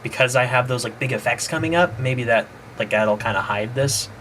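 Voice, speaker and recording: A man's voice: medium pitch, fairly quick, fairly bright tone, slight background noise. A man developing a game, casually talking himself through playtesting and trailing off mid-thought. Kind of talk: casual think-aloud dev stream. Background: background music.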